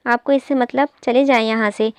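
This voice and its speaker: A woman's voice: fairly high pitch, fairly even intonation, normal speed, clean tone, no echo, close to an everyday voice. A woman reading as a tearful young mother. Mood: hurt, sulky. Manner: sulky, childlike pleading.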